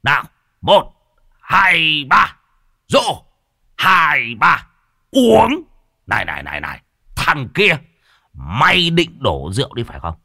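A man voicing a boisterous, drunk old man who shouts bossy toasts. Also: fairly low pitch, wildly swooping pitch, a little fast, dry recording, studio quality, exaggerated voice. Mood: rowdy.

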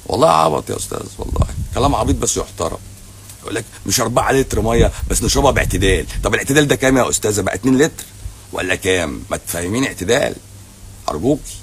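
Low-voiced sarcastic Egyptian man, fast. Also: animated, slight background noise. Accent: Egyptian Arabic. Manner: sarcastic, teasing, blunt and repetitive. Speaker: doctor answering viewer questions on a livestream. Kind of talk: casual livestream Q&A. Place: hotel lobby at night.

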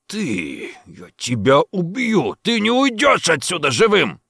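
A furious, blustering colonel hurls threats in a raised, seething voice, as a man puts him on. His pitch swings wildly. The sound is close and dry. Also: very animated, a little fast, fairly bright tone, no room sound. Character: furious blustering middle-aged male colonel.

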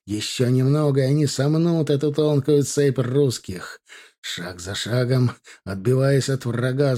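A man reads scripted narration with a measured, dramatic delivery. His voice is dark and mellow, pitched in the middle. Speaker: audiobook narrator.

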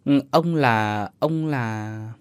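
A man's voice: mid-range voice, very animated, moderate pace, no room sound. Minh, a stammering polite young man, read by a narrator. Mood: hesitant. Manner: stammering, deferential. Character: polite, hesitant young husband.

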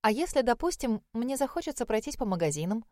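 A woman's voice: fairly high pitch, sing-song, fast talker, darkish tone, dry recording, clean studio sound. A woman voicing a playful teasing young wife. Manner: playful, teasing, sometimes whispering.

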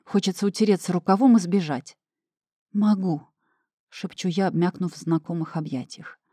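A woman reads a first-person novel aloud with emotional, emphatic delivery. Her voice is mellow and dark, and the recording is dry and close with no room sound. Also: on the low side, a little fast, no echo. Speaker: audiobook narrator.

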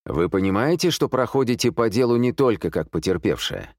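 A man's voice: lowish voice, lively intonation, a little fast, dry recording, studio quality, voice pushed up. A man voicing a stern police sergeant on the phone, cold and official.

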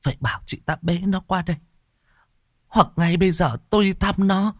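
A man's voice: sits high, normal speed, dry recording, studio quality, pitched above the performer's own voice. A man voicing a desperate young mother who demands answers urgently. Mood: demanding.

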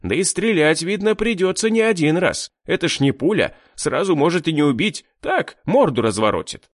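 A man's voice: fairly high pitch, big pitch swings, normal speed, dry recording, clean studio sound, voice pushed up. A man voicing a cruel young male villain who taunts with a mocking, menacing drawl, in an audiobook. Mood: sneering menace.

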